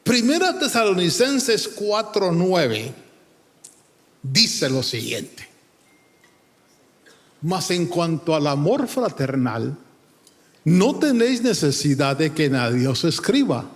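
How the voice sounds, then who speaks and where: A high-voiced man preaches with a lively, swooping delivery, calling out to his listeners as brother and slipping into sung phrases. He takes his time over the words, and his voice rings out with a long hall reverb. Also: slow pace, pauses often. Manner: emphatic, addresses listeners as brother, sings lines. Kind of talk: sermon.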